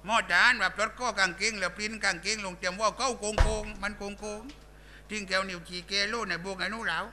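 A man delivers fast, steady-toned, high-pitched lines over music, lightly acted, as a raunchy male village clown. Using a Southern Thai accent, he tells crude jokes in a live shadow puppet show, his manner coarse and bantering.

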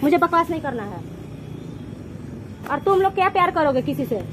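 A woman's voice: very high-pitched, lively intonation, normal speed, fairly bright tone. A woman arguing a male friend by a road, insistent and scolding, faint traffic behind. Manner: insistent, scolding, repeats "ठीक है ना?". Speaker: prank vlog participant. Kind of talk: heated casual argument. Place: outdoors by a road.

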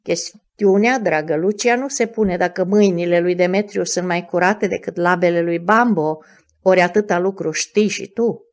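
A woman's voice: medium pitch, fairly even intonation, close to an everyday voice. A woman reading the part of a proper, curious young noblewoman in an audiobook, probing and reproving.

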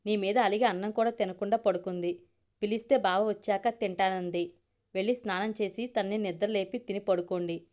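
A woman's voice: mid-range voice, steady tone, fairly quick, darkish tone, lightly acted. A woman reading the part of a practical middle-aged mother who speaks plainly and scolds a little.

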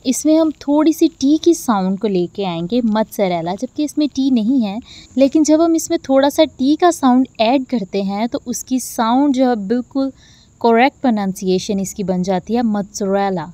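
A woman teaching a pronunciation lesson, saying each word slowly and repeating it with care. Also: on the high side, expressive, mellow, dry recording. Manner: slow, careful repetition of words. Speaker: English teacher.

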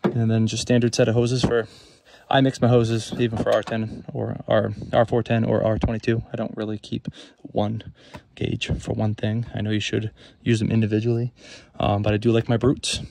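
A man's voice: fairly low pitch, completely flat delivery, normal speed, vocal fry, darkish tone, a little hiss or hum. A self-employed HVAC technician giving a casual, rambling tour of the gear in his work van, listing items with many fillers.

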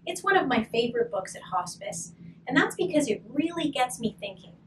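A hospice volunteer, a woman in her thirties, reads a storybook to children and then explains a craft in a high, sing-song voice. She speaks softly, slowly and gently, her words often trailing into a whisper. A far camera mic captures her from a distance in a curtained indoor room, with faint room noise.

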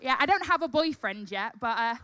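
A woman's voice: fairly high pitch, lively intonation, fairly quick. A young woman from Yorkshire with a Northern English accent, presenting as an upbeat, cheery and enthusiastic cruise director. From Yorkshire, England. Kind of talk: presenting to camera and audience. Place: large cruise ship atrium, theatre stage, open port. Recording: echoey, distant mic, loud music and crowd.

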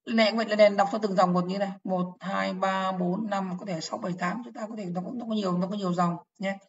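A woman's voice: medium pitch, steady tone, quick pace, dull audio, a little hiss or hum. Woman teaching step by step. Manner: explains step by step, repeating phrases and checking understanding. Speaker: programming teacher. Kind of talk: online lecture to teachers.

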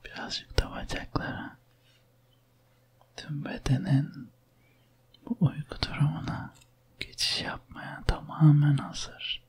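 Asmr lady whispering a massage therapist role-play, whispered role-play, super low slow soothing voice. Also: little pitch movement. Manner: whispering, soft ASMR delivery.

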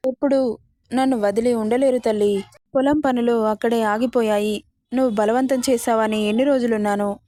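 A gentle older village father in a storybook, tender and reassuring with his daughter, as a woman narrator puts him on. The voice stays fairly high with a soft, mellow tone. It is recorded dry and close. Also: steady tone, moderate pace, no echo, lightly acted.

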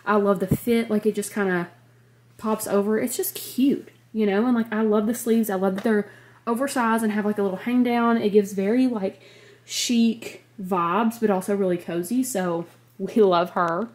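This casual clothing haul chat comes from an American woman in her twenties, filmed in her bedroom on a compact camera held at arm's length. Her mid-range voice is a little mellow, slightly congested and nasal, with fairly even intonation at normal speed, and she gushes emphatically with plenty of "like".

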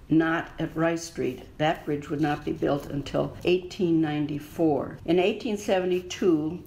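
Woman author, low-pitched, presenting a prepared history slideshow, even and informative. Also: low-quality recording. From United States. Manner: measured, informative, reading from a prepared text. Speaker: local historian and author giving a talk.

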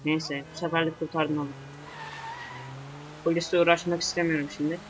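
A man's voice: fairly high pitch, level tone, a little fast, noisy background. A young man giving let's play commentary, grumbling, swearing and talking back at the game as he plays. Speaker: gamer.

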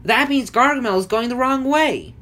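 A man voicing an earnest, determined female Smurf who speaks firmly and a little high. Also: normal speed, pushed and bright.

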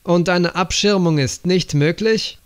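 A man voicing a calm, probing older male leader who questions his agents in an audiobook. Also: sits high, measured pace, smooth.

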